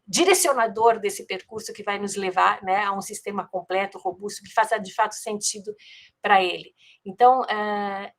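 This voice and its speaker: Brazilian woman lecturing in a mid-range voice. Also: mid-range voice. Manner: reflective, hesitant, seeking agreement with tag questions. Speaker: course instructor. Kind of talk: spontaneous lecture.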